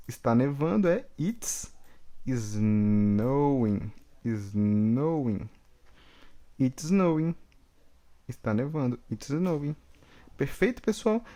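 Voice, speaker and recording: A man's voice: medium pitch, mellow. Patient Brazilian-born male English teacher. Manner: patient, repeats examples slowly, checks in with "tá bom, pessoal?". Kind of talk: online English lesson.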